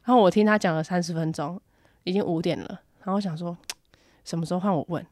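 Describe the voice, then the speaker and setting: A woman co-hosting a podcast, telling a story in casual chat, acting out her own panic in high squeals. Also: fast, a little mellow, no echo, studio quality. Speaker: podcast co-host.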